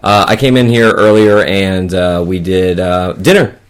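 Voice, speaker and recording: A man's voice: low voice, measured pace. A man chatting casually and crudely as a podcast co-host, sitting a little distant from a shared microphone. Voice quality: frequent throat clearing. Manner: crude, joking, profane. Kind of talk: casual chat. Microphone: one shared microphone. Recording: distant from a single shared mic.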